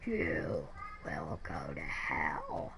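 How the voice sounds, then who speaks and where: Woman voicing a demonic devil: very deep, slow, menacing growl. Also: huge pitch swings, vocal fry, fairly bright tone, slight background noise, exaggerated voice.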